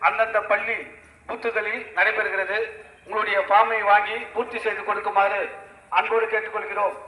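A man making a public announcement through a loudspeaker megaphone, steadily repeating appeals to the public. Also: sits high, little pitch movement, fairly quick. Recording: echoey, distant loudspeaker sound.

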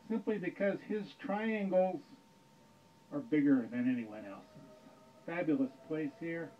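A middle-aged man giving a joking keynote speech in a dim home planetarium room, dry and deadpan, speaking into a stand mic. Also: on the high side, muffled recording, slight background noise. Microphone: stand mic, camera in front.

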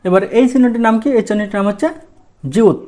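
A male language teacher from Bangladesh gives a lesson in Bengali, asking questions and then answering them himself. His voice is high-pitched and animated, with a quick pace and a dark tone.

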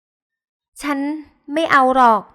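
A woman's voice: very slow, fairly bright tone. A woman voicing a hot-tempered young elder sister who scolds sharply and snaps at her sibling. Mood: agitated scolding. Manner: snappish, scolding.

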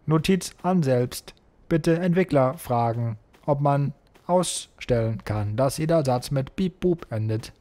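A man's voice: mid-range voice, lively intonation, slow pace, mellow. A man doing a beeping robot voice. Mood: mock-mechanical. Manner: clipped robotic status announcements ending in beep boop. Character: stiff male robot reporting status. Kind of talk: let's play commentary.

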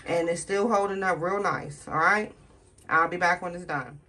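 Filming herself on a phone in a home kitchen, this cooking vlogger talks in a fairly low, pushed, bright voice at a moderate pace. She chats folksily and at length, speaking straight to her viewers as "y'all" in a casual cooking video.

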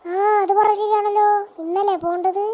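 Pathu, a very high squeaky cartoon auntie. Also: female voice, flat delivery, normal speed, warm tone. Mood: chatty. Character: naive chatty middle-aged woman, Pathu. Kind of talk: cartoon voice acting.

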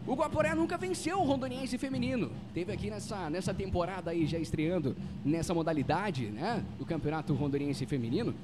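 A man's voice: high-pitched, expressive, fairly quick, hardly any pauses, noisy background. A Brazilian man giving live football play-by-play in a chatty way, often repeating phrases. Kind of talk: live match commentary.

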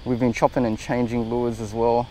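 An Australian man giving chatty, excitable commentary while fishing from a small boat on a river, recorded on an action camera. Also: mid-range voice, normal speed, a little hiss or hum, low-quality recording. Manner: chatty and excitable, laughs often. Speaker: fishing vlogger.

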